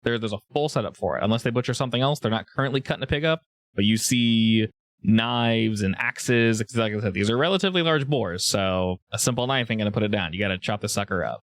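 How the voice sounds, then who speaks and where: A man's voice: on the low side, expressive, quick pace, dry recording. A man running a tabletop game, narrating casually as game master.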